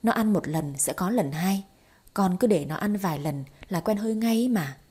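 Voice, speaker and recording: A woman's voice: mid-range voice, lively intonation, normal speed, mellow, slightly rough. A woman reading as a blunt, coaxing older mother.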